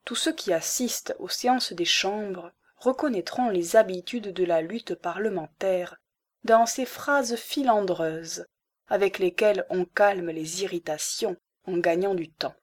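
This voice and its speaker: A woman reads a classic novel aloud as an audiobook, in a medium-pitched voice. Her narration is measured and expressive, shaping each sentence with care.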